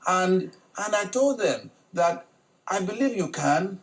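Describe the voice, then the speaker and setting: A man's voice: sits high, animated, slow pace, slight background noise. A man speaking as a senior lawyer on a studio talk show, earnest and often repeating words as he starts. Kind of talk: studio interview answers.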